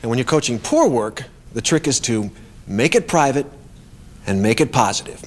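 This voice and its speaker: A man's voice: mid-range voice, expressive, normal speed. A man presenting a workplace coaching lesson in a conversational, emphatic scripted narration.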